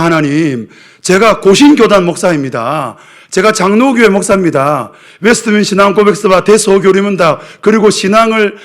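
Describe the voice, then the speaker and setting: A middle-aged male pastor, preaching a sermon. He keeps turning to the congregation with questions and pokes wry fun at himself as he goes. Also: high-pitched. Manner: asks the congregation questions, wry self-mocking humor.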